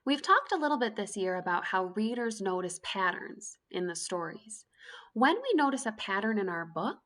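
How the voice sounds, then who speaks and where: A woman teacher giving a reading lesson to young children, speaking slowly and clearly in an encouraging way. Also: medium pitch, a bit bright.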